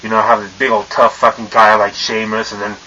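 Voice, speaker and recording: A man's voice: fairly low pitch, little pitch movement, fairly quick, background noise. A young man in a casual, profane vlog rant, his voice muffled by a mask he wears, rambling with lots of fillers and tongue-tied stumbles. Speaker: vlogger.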